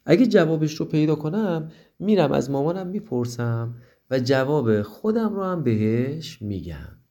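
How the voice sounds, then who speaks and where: A gentle, clever little girl from a children's storybook, her voice raised high, played by a man, patiently explaining. The voice keeps a warm, soft color. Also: animated.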